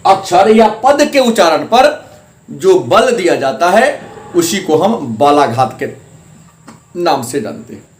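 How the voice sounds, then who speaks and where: Male teacher from India, high voice, patient step-by-step grammar explainer, roomy echoey sound. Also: a little hiss or hum. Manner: repetitive, explaining step by step, stressing syllables. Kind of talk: classroom grammar lesson. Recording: echoey room.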